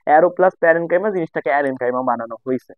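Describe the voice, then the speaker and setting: Young man, tutor, casual lesson, repeats himself, fast, tinny phone-like sound. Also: on the high side, no room sound. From Bangladesh. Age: young adult. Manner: conversational, repeats and rephrases points.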